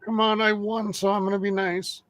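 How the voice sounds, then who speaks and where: A man's voice: high-pitched, level tone, moderate pace, fairly bright tone, dry recording. A man co-hosting a casual watch-along chat, talking loosely and trailing off into fillers. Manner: chatty, trails off mid-sentence with fillers. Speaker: co-host of a wrestling watch-along.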